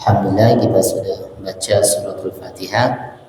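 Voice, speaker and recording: A man's voice: sits low, steady tone, dark tone, slight background noise. Man teaching chant in an echoey hall. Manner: explains plainly, then sings drawn-out phrases for imitation. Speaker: Quran recitation teacher. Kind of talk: teaching class, demonstrating melodic recitation. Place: mosque prayer hall. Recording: echoey hall, faint music.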